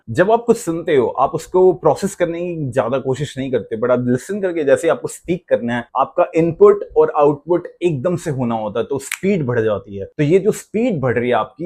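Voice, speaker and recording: Male English teacher, Indian accent, animated, mixes Hindi and English, acts out examples. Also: mid-range voice. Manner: animated, acts out flat and lively example lines. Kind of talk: Hindi-English lesson talk.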